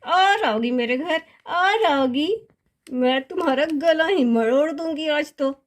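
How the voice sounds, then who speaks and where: A woman's voice: sits high, lively intonation, slow. A woman doing a fierce scolding grandmother. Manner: bold scolding, threatening. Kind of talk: doll story voice acting.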